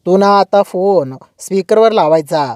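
A woman's voice: medium pitch, measured pace, darkish tone, no echo, clean studio sound, pitched above the performer's own voice, natural voice. A woman reading a menacing kidnapper man. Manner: barking orders, menacing. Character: threatening male kidnapper on the phone.

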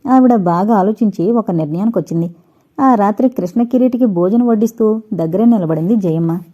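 Mellow-voiced woman narrating a novel. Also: medium pitch, a little fast, muffled recording. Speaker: audiobook narrator. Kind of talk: novel reading.

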